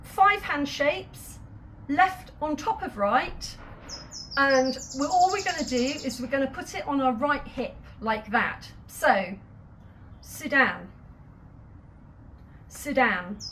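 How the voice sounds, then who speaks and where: A woman's voice: high voice, lively intonation, slow pace, pauses often, a bit bright, a little hiss or hum. A woman teaching sign language, patiently explaining each sign step by step with light laughs. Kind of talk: instructional video lesson.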